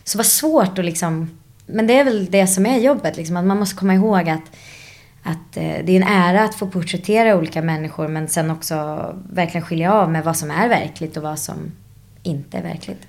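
Actress, female, lowish voice, reflective interview guest, animated storyteller, mixes in English. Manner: drops English phrases into her speech. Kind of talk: casual interview chat.

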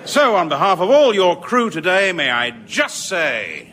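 A man playing a mischievous veteran co-pilot who gives a dry, teasing, mock-formal announcement to passengers over the cabin loudspeaker in a radio comedy. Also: high voice, big pitch swings, slow pace, big-room sound, heavily acted. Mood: wry. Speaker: airline first officer.

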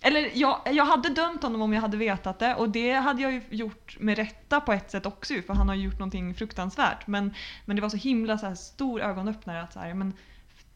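A woman speaking earnestly and reflectively in a casual podcast conversation, with many fillers. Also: mid-range voice.

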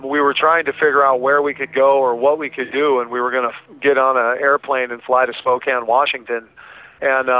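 A man's voice: medium pitch, no echo. A man being interviewed, telling a personal story in a candid, informal and emphatic way. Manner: informal, emphatic, quotes remembered speech. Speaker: interview guest. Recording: thin phone-like line.

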